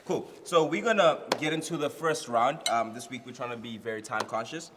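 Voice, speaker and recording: A man with a mid-pitched voice hosts in a slangy, hyping way, often repeating his phrases. He is recorded in a ringing room with faint noise. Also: brisk, long reverb tail. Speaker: host. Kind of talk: casual, slangy game-show hosting.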